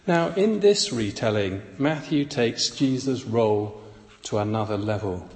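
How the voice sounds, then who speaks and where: A man giving a devotional Bible reflection in a measured, reflective way, recorded with an echoey hall reverb. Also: mid-range voice, expressive, a little mellow. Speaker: preacher.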